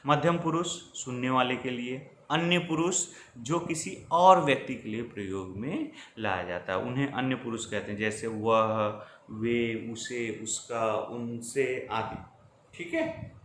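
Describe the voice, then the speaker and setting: A man's voice: mid-range voice, a little slow, fairly bright tone. Man teaching a grammar lesson, echoey room. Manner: explanatory, addresses students directly with frequent checks. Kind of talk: classroom-style grammar lesson over slides. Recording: echoey room with faint ambient noise.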